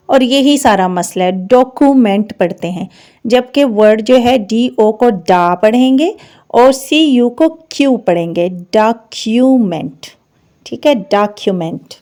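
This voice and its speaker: A woman's voice: a little high, darkish tone. Woman teaching English pronunciation. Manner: explains slowly, then repeats each word for practice. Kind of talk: classroom-style lesson at a board.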